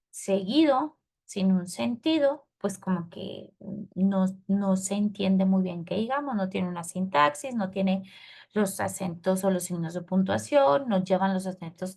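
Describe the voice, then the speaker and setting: Woman, teacher, patient explaining, gravelly, mid pitch. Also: darkish tone. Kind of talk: recorded class lesson.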